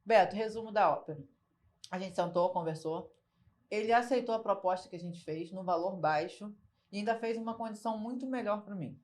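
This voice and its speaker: A woman guest in a casual interview telling her story in a lively, frank way. She talks colloquially with slang and fillers, and often acts out what people said. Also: medium pitch, brisk. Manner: lively storyteller who acts out quoted dialogue. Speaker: interview guest, business owner.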